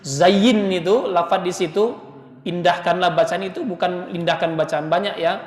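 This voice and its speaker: A man's voice: high-pitched, fairly even intonation, moderate pace. A man with an Indonesian accent, a Quran teacher leading a class and sounding out letters. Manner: chants and demonstrates letter sounds. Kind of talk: teaching class, call and response. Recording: echoey hall, long reverb.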